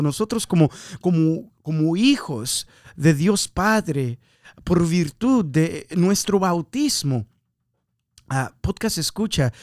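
A man hosting a podcast, reflecting casually on scripture in an animated way, repeating words and talking straight to the listener. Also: fairly high pitch, dry recording, studio quality. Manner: animated, repeats words, often laughs, addresses listener directly.

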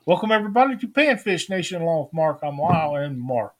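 A man's voice: a little high, very animated, quick pace. Easygoing man hosting a fishing livestream. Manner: rambling storyteller with homespun grammar. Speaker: host of live fishing stream. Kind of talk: casual live-stream chat.

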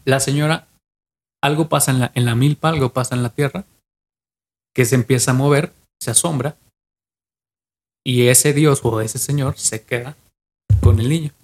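A young man with a Mexican accent tells an old legend on a casual podcast. He pieces the story together from memory, circling back over his words and restarting phrases as he goes. His voice sits at an ordinary middle pitch. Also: steady tone, normal speed, long pauses. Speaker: podcast co-host.

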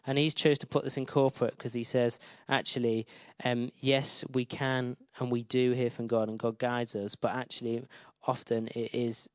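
A man speaks in a smooth, clear voice with a dry, close sound. He teaches informally, in a conversational and somewhat hesitant manner, often rephrasing himself. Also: mid-range voice, flat delivery, normal speed, no echo. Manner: conversational, hesitant, self-correcting. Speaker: speaker presenting a book.

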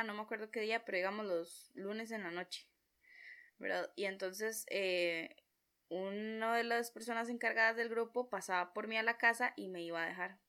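Bright-voiced Costa Rican woman telling a story. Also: medium pitch, clear, resonant tone. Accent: Costa Rican Spanish. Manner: chatty, expressive storyteller with lively quoted reactions. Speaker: vlogger. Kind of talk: storytime vlog.

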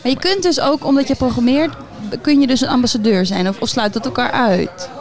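A woman hosting a casual radio chat, playful and quick to tease her guest. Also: fairly high pitch, a little mellow. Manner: playful, laughs easily. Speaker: host.

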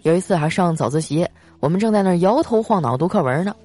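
A young woman with a lowish voice performs a comic storytelling monologue that includes a sponsored segment, with faint music behind her. She's lively and joking, drawing out her particles as she goes.

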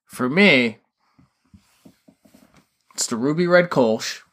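A man's voice: mid-range voice, expressive, slow, fairly bright tone. A man co-hosting a podcast in casual chat, rambling and swearing freely as he talks. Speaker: podcast co-host.

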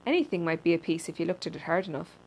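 A woman reads a personal essay aloud in a dry, deadpan manner, with a slightly low voice. She sometimes trips over a word and restarts it. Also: very fast, a little hiss or hum, low-quality recording. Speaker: reader.

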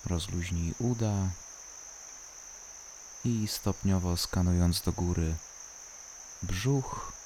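A calm, soothing voice guiding a body-scan relaxation, unhurried and leaving long pauses between short instructions. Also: deep voice, a little hiss or hum. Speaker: guided relaxation narrator. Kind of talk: slow guided body-scan meditation.

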